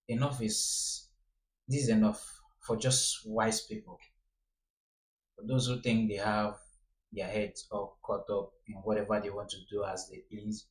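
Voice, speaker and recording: A man's voice: fairly low pitch, reverberant, low-quality recording. A man giving a casual, earnest warning to his viewers. He keeps repeating his pleas to be careful. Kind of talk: casual direct-to-camera commentary.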